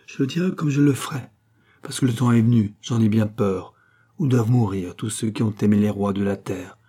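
A grave, gentle count speaks in an audiobook, earnest and affectionate. A man voices him low and husky, with a soft, mellow tone. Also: a little fast.

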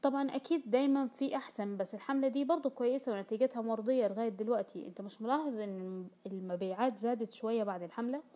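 A woman playing an easygoing male business partner who cheerfully stands his ground. He speaks up loudly, a touch higher than usual, and at a quick pace. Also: natural voice. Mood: upbeat. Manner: cheerful, defending his view.

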